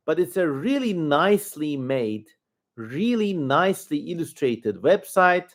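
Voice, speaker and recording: A man with a Turkish accent hosting a livestream, giving casual commentary in an informal, rambling way as he thinks aloud. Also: fairly high pitch. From Turkey. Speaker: livestream host.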